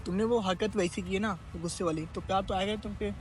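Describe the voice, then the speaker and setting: A man's voice: high voice, steady tone, fast, a little hiss or hum. A young man hosting a prank vlog, talking casually to viewers and then arguing with his girlfriend in an exasperated, repetitive way. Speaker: prank video host. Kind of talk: casual vlog and staged argument.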